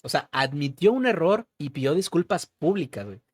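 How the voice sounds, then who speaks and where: Young Mexican male co-host, slangy casual political banter, somewhat high pitch, dry close recording. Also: expressive, a little fast, dry recording. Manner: slangy, peppers talk with "güey". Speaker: podcast co-host.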